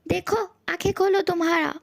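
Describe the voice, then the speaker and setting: A woman's voice: very high voice, level tone, moderate pace, vocal fry, heavy background noise. A woman voicing a handsome young male ghost who threatens a newcomer to leave his room, in a fan audio story. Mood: bossy. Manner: bossy, threatening.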